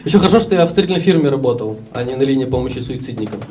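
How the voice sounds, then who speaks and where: A man's voice: mid-range voice, expressive, rapid-fire, recorded from a distance, heavy background noise. A young Russian man in his twenties telling stories casually in a stand-up comedy set, acting out the voices of other people. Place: live comedy show with audience.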